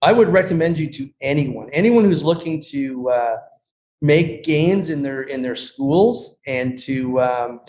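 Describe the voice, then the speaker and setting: A man, a karate school owner, speaking earnestly and haltingly as a podcast guest on a video call. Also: mid-range voice, animated, a little mellow. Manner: earnest, halting, many restarts. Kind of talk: casual interview chat.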